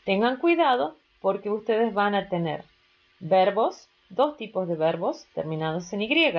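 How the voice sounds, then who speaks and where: A woman's voice: mid-range voice, muffled recording. A woman teaching an English grammar lesson, explaining rules step by step and checking in with students. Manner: slow, patient explaining with rising questions to students.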